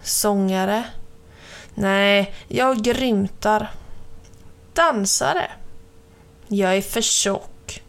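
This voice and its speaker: A woman's voice: mid-range voice, creaky, pauses often, fairly bright tone. A woman voicing a plump, dreamy young male pig in a children's storybook, musing and self-deprecating.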